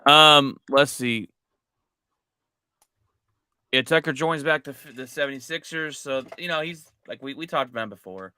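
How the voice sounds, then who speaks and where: A man's voice: mid-range voice, moderate pace, pauses often, pushed and bright, clean tone, dry recording, studio quality. A man hosting a sports podcast in casual chat, talking conversationally and often restarting his phrases. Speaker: podcast host.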